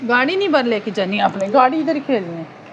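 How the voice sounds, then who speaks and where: A woman's voice: a little high, big pitch swings, fairly quick, dull audio, background noise. A Pakistani woman, a mother at home, coaxing her small child in affectionate, repetitive baby talk. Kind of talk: casual home vlog talking to her toddler. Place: indoors at home, fan running.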